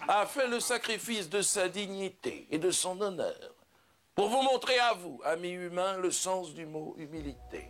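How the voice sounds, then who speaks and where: A comedian playing Judas, a solemn ageless wanderer, in a slow, grandiose stage monologue. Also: male voice, sits high, lively intonation, fairly bright tone. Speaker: stand-up comedian.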